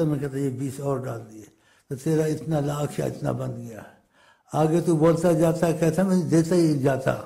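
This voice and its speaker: Gravelly man preaching with story voices. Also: medium pitch, mellow. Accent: Pakistani Urdu. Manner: storytelling sermon, acting out quoted voices, repetitive counting. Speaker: religious teacher. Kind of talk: sermon storytelling.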